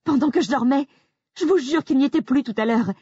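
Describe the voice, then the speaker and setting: A woman voicing a frightened young wife who pleads and accuses in a shrill, near-hysterical voice, from an audiobook. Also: brisk, warm tone, no echo, dull audio, close to an everyday voice. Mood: panicked. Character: frightened young woman insisting on her story.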